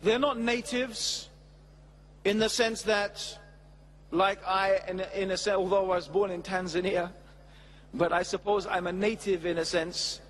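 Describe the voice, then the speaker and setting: A middle-aged man giving a measured, emphatic religious lecture at a stand mic on a large studio stage before an audience. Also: high-pitched, long reverb tail. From England. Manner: measured, emphatic, with expressive hand gestures. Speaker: Islamic preacher. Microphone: stand mic at a lectern.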